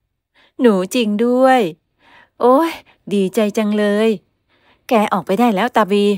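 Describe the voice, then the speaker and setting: Casting: woman doing a domineering middle-aged society mother, loud and scolding, dry close sound. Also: a little high, lively intonation, moderate pace, no room sound, lightly acted. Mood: delighted.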